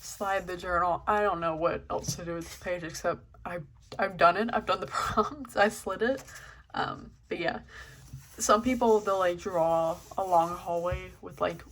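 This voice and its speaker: A young woman hosts her first vlog, flipping through a journal casually and hesitantly, with many ums and a self-deprecating manner. Her lowish, fairly bright voice is unhurried with fairly even intonation, and there's a little hiss or hum.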